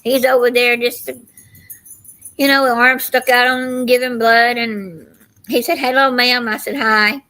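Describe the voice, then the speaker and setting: A woman's voice: fairly high pitch, level tone, unhurried, fairly bright tone, low-quality recording. An older woman with a Southern US accent, chatting casually to livestream viewers in a folksy, meandering storytelling way. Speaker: livestream host.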